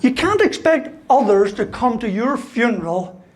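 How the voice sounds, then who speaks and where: A man's voice: very high voice, big pitch swings, moderate pace, a little hiss or hum. A man giving a humorous motivational talk as a university lecturer, asking "right?" after most points. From Ireland. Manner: joking, ends lines with "right?".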